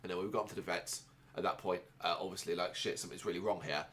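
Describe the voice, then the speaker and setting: A man who grew up in Ireland, talking through a casual personal monologue in a rambling, halting way, with many restarts and fillers. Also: low voice, fairly even intonation, a bit bright, slight background noise. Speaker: podcast host.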